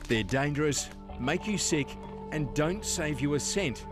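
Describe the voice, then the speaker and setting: A man's voice: a little high, lively intonation, measured pace. Australian male reporter over a music bed. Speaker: TV news reporter. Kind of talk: scripted news narration.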